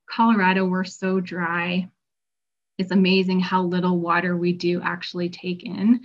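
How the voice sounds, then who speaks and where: Speaking at a fairly low pitch, this middle-aged woman, a health practitioner, talks with patients about stress in a casual presentation in Colorado. She voices patient quotes as her own voice fades, and the recording sounds dull and lo-fi.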